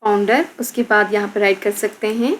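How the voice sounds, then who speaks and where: A woman's voice: medium pitch, brisk. A woman teacher with a Pakistani accent explaining an English lesson in Urdu, repeating words and spelling them out letter by letter.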